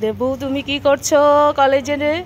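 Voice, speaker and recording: A woman's voice: high-pitched, moderate pace, a little mellow. A woman vlogging outdoors on a college campus, talking casually and coaxing a dog in baby talk. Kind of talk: casual vlog narration.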